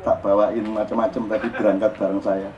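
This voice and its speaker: A man's voice: on the low side, little pitch movement, a little fast. An older man with an East Javanese accent giving an informal, playful sermon to a gathering, teasing the crowd and acting out exclamations. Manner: playful, teasing, laughs often, acts out exclamations. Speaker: preacher leading a public religious gathering. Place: outdoor plaza gathering. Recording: dull live outdoor recording, faint background noise.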